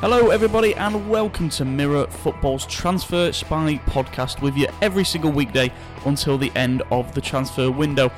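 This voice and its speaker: A man hosting a football transfer podcast in casual chat, talking in quick, halting bursts with many restarts. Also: on the high side, music in the background. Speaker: podcast host.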